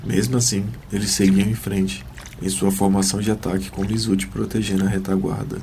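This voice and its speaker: A man's voice: fairly low pitch, level tone, fairly quick, dark tone, slight background noise. A man narrating a scripted fantasy story as the narrator of an audio drama.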